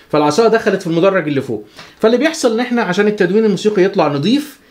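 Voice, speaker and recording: A man with an Egyptian Arabic accent giving a chatty, joking guitar lesson, counting the beats out loud. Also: high voice. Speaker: guitar teacher. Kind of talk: casual spoken music lesson.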